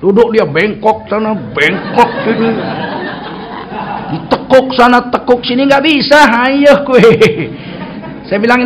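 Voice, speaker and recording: A man's voice: extremely high pitch, a little hiss or hum. A man preaching a sermon in a mosque, telling stories and acting out dialogue. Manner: storytelling, acting out dialogue with lively shifts.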